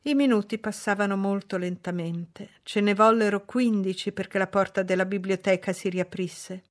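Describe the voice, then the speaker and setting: A woman narrating an audiobook in a measured, steady voice. She reads the story with calm, even pacing between the characters' lines. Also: mid-range voice.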